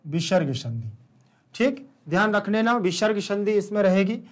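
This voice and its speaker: A man's voice: high-pitched, lively intonation, moderate pace. A man teaching a recorded online lesson with a Hindi accent, explaining step by step, repeating terms and answering his own questions. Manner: checks in with "ठीक" often.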